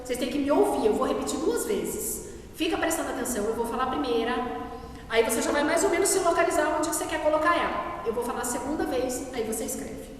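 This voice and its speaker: A woman teacher dictating words slowly to young pupils, saying each word twice. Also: high-pitched, slight background noise. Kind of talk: classroom dictation lesson. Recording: echoey room, voice from far off.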